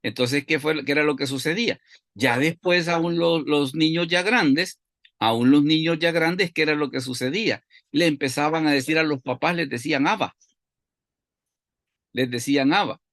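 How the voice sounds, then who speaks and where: A man's voice: a little high, normal speed, a bit bright, no echo, clean studio sound. A man teaching a Bible study lesson, explaining step by step and asking and answering his own questions.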